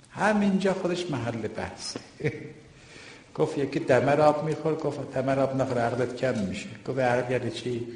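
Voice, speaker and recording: A man's voice: mid-range voice, slight background noise. An older man preaching from the pulpit in a colloquial lecture, emphatic and repetitive, often asking rhetorical questions. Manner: emphatic, repeats points, asks rhetorical questions. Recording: echoey hall with long reverb.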